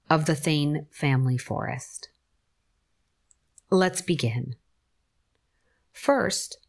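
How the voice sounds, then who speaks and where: A woman guiding a forest bathing meditation, giving calm, gentle instructions with long pauses. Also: lowish voice. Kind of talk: guided meditation narration.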